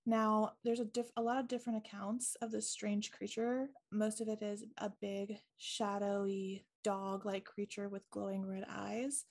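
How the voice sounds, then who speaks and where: A woman's voice: medium pitch, level tone, unhurried, hardly any pauses, darkish tone. A woman co-hosting a podcast, casually retelling a ghost story with lots of ums and likes. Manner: chatty, many ums and likes, laughs easily. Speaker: podcast co-host.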